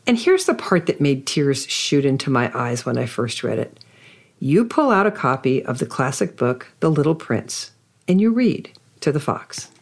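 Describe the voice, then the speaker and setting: A woman's voice: rumbling low, sing-song, normal speed. A woman hosting an author interview, reading a prepared introduction and then asking effusive, admiring questions. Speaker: podcast host interviewing an author.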